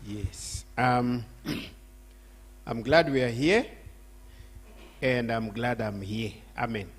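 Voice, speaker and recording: A man's voice: medium pitch, extremely slow. An older man from Zambia giving an emphatic church address as guest speaker, repeating his phrases with rising force.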